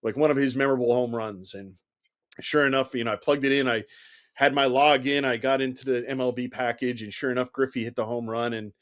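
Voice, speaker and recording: A middle-aged man spins long, animated anecdotes as an interview guest, his pitch sitting in an ordinary middle range. He peppers his telling with "you know" and slips into the voices of the people he quotes. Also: a little fast. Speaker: guest, former Secret Service agent. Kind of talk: conversational storytelling interview.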